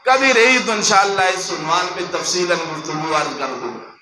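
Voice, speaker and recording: A man's voice: high-pitched, normal speed, a crowd in the background, low-quality recording. A man, a mufti, preaching a sermon as a story and acting out the people he quotes with voice changes. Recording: clear steady background noise.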